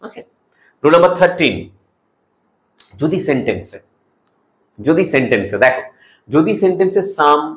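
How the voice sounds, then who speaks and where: A man with a Bengali accent teaches English grammar for exam prep, with his voice sitting a touch high and rising and falling widely as he moves through each rule. He reads the example sentences out slowly and deliberately and keeps checking in with his students. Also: sing-song. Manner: mixes English terms into Bengali, asks "ok?" often.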